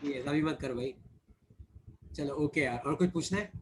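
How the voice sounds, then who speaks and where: A man's voice: fairly high pitch, normal speed, slight background noise. A man teaching physics in an online class, explaining step by step, repeating key points and teasing his students.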